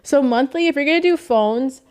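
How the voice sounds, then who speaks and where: A woman's voice: sits high, normal speed. A young woman streamer talking casually and emotionally to her chat, rambling and thanking viewers.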